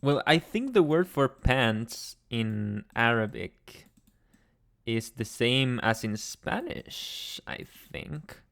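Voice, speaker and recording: A man's voice: mid-range voice, animated, slow, gravelly, a bit bright. A man hosting a casual livestream, reading chat messages aloud and answering them in a chatty, rambling way with frequent laughs. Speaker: ASMR livestream host.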